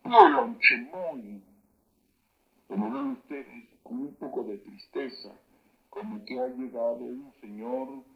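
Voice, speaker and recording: A man teaching words of an old local language, saying each word slowly and loudly and then explaining its meaning. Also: mid-range voice, dull audio. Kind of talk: spoken vocabulary lesson.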